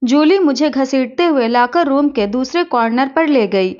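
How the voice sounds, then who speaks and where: A young woman narrating a story in the first person, in a lively, teasing storyteller manner. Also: high-pitched, normal speed. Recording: dull lo-fi recording.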